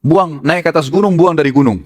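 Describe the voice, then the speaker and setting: A man's voice: on the high side, fast, a little mellow, in a large hall, natural voice. A tyrannical king who claims to be a god snaps out short orders to seize and cast down his enemy, as a preacher voices him. He sounds clipped and commanding. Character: tyrannical self-proclaimed god-king, male.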